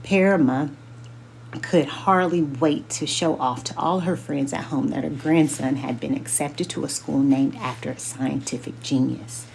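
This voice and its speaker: A woman reading a children's book aloud as a book club host, slowly and carefully sounding out names. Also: low voice, steady tone, gravelly, a little mellow, slight background noise.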